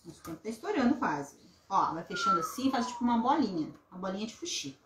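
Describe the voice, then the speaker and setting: Craft host, woman in her thirties, animated intonation, casual live delivery, echoey room. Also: a little high, quick pace. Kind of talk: casual live craft demonstration with chat greetings. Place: small indoor craft room at a table. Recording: roomy echo, some background noise, clicks.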